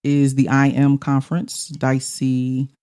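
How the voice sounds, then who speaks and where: A woman's voice: extremely low pitch, completely flat delivery, takes it slowly, mellow, clean tone. A middle-aged woman co-hosting a casual podcast chat in a studio, talkative and laughing often. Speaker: podcast co-host.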